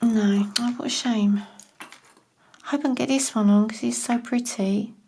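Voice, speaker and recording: Slow husky woman muttering to herself. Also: on the high side, steady tone, dark tone. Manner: mutters to herself, often half-whispered; self-mocking, chuckling. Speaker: crafting vlogger. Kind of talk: casual talk while crafting.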